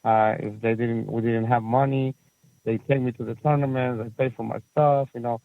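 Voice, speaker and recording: Heard through a thin, phone-like connection with no room sound, the gravelly, medium-pitched voice moves at a moderate pace with fairly even intonation. It belongs to a Chilean man in his forties with a Chilean Spanish accent, a soccer facility owner and coach who rambles as a casual interview guest, full of fillers and restarts.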